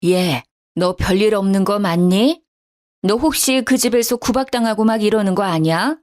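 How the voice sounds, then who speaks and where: A woman's voice: medium pitch, expressive, moderate pace, darkish tone, close to an everyday voice. An indignant older mother on the phone in a storybook drama, read by a woman narrator. Her talk runs agitated and protective, the voice swinging up when she is outraged and sinking when she backs off.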